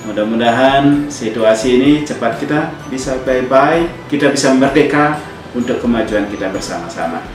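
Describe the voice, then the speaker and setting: A man's voice: medium pitch, moderate pace. A man gives an earnest, motivational instructional talk to students, exhorting them with repetitive phrasing. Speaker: tourism speaker addressing hospitality students. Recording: very echoey, distant mic, music behind. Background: background music.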